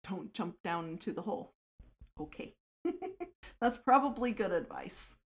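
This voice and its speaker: A woman's voice: medium pitch, animated, measured pace. A woman hosting her own livestream, chatting casually while she plays, laughing often and answering her chat. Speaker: livestreamer and server host.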